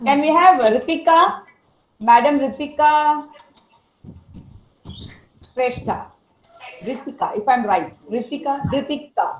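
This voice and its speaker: A woman with a fairly high voice moderates an online meeting over a video call. She keeps her prompts short and polite and says "yes, sir" often. The audio is echoey, like a room heard through a laptop mic. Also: lively intonation, slow, pauses often. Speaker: session moderator.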